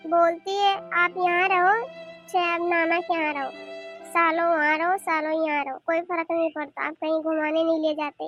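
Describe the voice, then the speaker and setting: A woman's voice: extremely high pitch, a bit bright. A woman voicing a weary mother in a cartoon, complaining plaintively that nobody understands her wishes. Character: weary mother longing to visit her parents. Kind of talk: cartoon voice acting.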